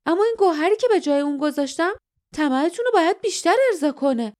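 A woman's voice: sits high, expressive, voice pushed up. A woman voicing a scheming, greedy male guardian who mocks and snaps at his rivals in an audiobook. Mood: scornful. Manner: mocking, snapping retorts.

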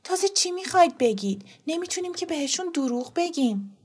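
Brief: woman voicing a tense, tearful young mother for an audio story, pitched a little higher. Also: animated, darkish tone. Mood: upset. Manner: agitated, near tears.

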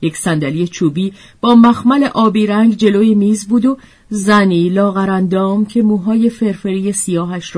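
A woman narrates a literary story in a gentle, expressive reading style. Her voice carries a soft husk. Her pitch moves widely and vividly from phrase to phrase.

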